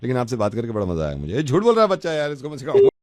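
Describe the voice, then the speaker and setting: A man's voice: mid-range voice, wildly swooping pitch, very fast, a little mellow, no room sound, studio quality. A male radio host making a prank call, teasing and playful and laughing often.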